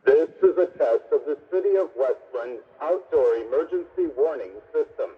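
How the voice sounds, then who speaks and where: Man's warning message over an outdoor loudspeaker. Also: a little high, normal speed. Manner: flat, formal, evenly spaced phrasing. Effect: outdoor siren loudspeaker announcement. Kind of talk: recorded public warning message. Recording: tinny distant outdoor loudspeaker with street noise.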